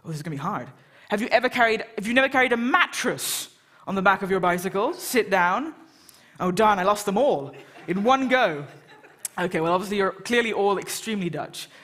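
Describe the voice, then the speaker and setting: A woman's voice: medium pitch, expressive, fairly quick, fairly bright tone. English woman hosting on stage, teasing the crowd, voice bouncing all over. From England. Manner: joking, chatty, teasing the crowd. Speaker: event host. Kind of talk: live audience interaction on stage. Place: lecture hall with live audience.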